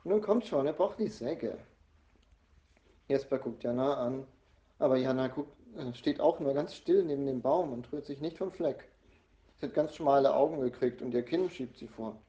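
A man narrating a children's storybook aloud in a gentle, lively manner. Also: mid-range voice, normal speed, roomy sound, dull audio. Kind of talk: storybook reading.

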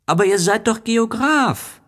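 The Little Prince, a man doing a high, curious young boy. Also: lively intonation, unhurried, a bit bright. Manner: high, wondering, pressing questions. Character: small boy prince, curious, earnest, insistent. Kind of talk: audiobook reading.

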